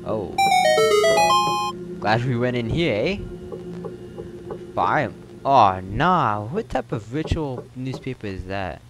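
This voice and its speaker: A man's voice: mid-range voice, lively intonation, takes it slowly, pauses often, loud music behind the voice, poor audio. A man playing a horror game, reacting in jumpy, exclamatory bursts with laughing asides. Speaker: gamer. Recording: loud game noise behind.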